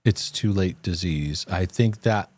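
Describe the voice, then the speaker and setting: A man hosts a live question-and-answer broadcast, offering earnest, reassuring faith-based teaching with many restarts. His voice is low-pitched and darkish, and he speaks a little slowly.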